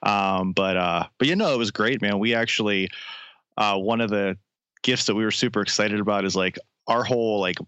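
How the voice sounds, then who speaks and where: A man's voice: lowish voice, moderate pace, fairly bright tone, clear, resonant tone, no echo, dull audio. A forty-year-old man, a musician being interviewed, friendly and rambling, full of likes and restarts. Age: 40s. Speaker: musician guest. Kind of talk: casual interview. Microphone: phone line.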